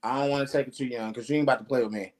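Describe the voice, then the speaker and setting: A man in his thirties chatting on a podcast in an animated, slangy way, acting out quotes. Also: mid-range voice, very fast. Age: 30s. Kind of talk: casual podcast chat.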